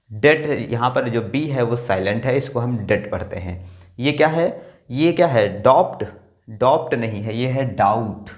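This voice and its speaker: A man teaching English pronunciation in Hindi, explaining step by step and asking and answering his own questions over slides. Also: mid-range voice. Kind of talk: Hindi-language pronunciation lesson.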